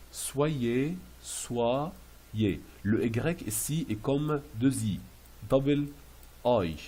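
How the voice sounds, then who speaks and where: Slow, husky-voiced man teaching French. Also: mid-range voice, warm tone. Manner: slow, deliberate, repeats and spells words out syllable by syllable. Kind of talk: language lesson explaining pronunciation.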